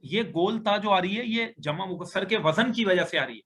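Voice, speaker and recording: Bright high-voiced male Arabic teacher. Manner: patient, explains step by step while writing on screen. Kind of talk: online grammar lecture. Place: online class on a video call.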